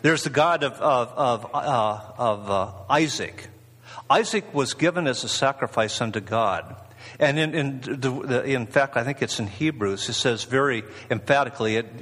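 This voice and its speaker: Male preacher, husky mid-pitched voice, casual rambling delivery, long hall echo. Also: fairly bright tone. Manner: rambling, conversational, many fillers and restarts. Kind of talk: informal sermon.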